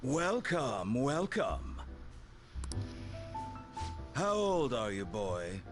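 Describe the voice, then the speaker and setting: A man's voice: mid-range voice, big pitch swings, extremely slow. A man playing a teasing, protective, flamboyant bar proprietor in a video game, with an arch drawl. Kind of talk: video game dialogue acting. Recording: background music under dialogue.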